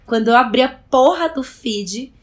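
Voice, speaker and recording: A young adult woman with a Brazilian Portuguese accent, chatting casually and telling a personal story in a lively way, with some swearing. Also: high voice, a little slow. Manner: animated storyteller, swears freely. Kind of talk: casual chat.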